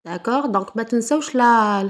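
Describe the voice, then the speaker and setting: A woman with an Algerian accent teaching a French lesson to primary pupils, saying words slowly and checking "d'accord?" after each point. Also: fairly high pitch. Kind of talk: classroom lesson.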